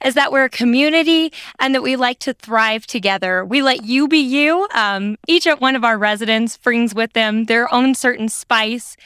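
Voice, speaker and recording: A chatty woman speaking as a guest on a health program, her voice bright and crisp with a fairly high pitch. She talks with eager warmth for her work, often pausing on ums and restarting her sentences. The sound is close and dry. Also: dry recording. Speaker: wellness coordinator at a senior living community. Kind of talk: interview guest, casual.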